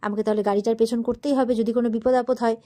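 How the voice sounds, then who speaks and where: A woman's voice: on the high side, level tone, rapid-fire, dark tone, lightly acted. Woman reading a dutiful worried police officer. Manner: polite, hesitant.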